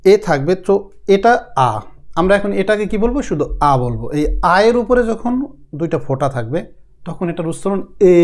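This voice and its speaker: A man with a high-pitched voice teaches a casual pronunciation lesson. He says each sound two or three times over as a drill. His explanations wander and restart as he talks them through. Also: darkish tone. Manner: loose, rambling explanations with many restarts. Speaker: language teacher.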